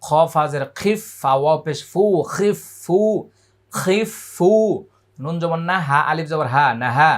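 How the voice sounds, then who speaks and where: Bangladeshi man teaching Quran recitation slowly. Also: a bit bright. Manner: spells syllables slowly, then chants verses in a high drawn-out recitation. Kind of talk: letter-by-letter Quran recitation lesson.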